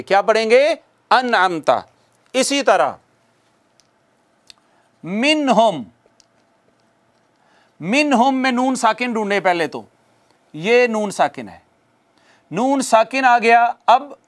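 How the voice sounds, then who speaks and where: A man with a high voice teaches a recorded recitation lesson at an unhurried pace. He keeps repeating each rule, puts questions to his viewers and answers them himself. He slowly stretches out the Arabic examples.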